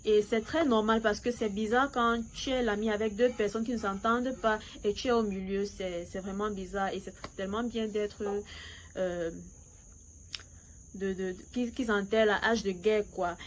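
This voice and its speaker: Casting: woman reviewer, French, mid pitch, casual and chatty, some hesitation, faint background noise. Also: steady tone, normal speed. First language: not French; fluent in English. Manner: foreign-accented French, hesitant, switches into English. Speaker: YouTube series reviewer. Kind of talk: casual chatty opinion recap.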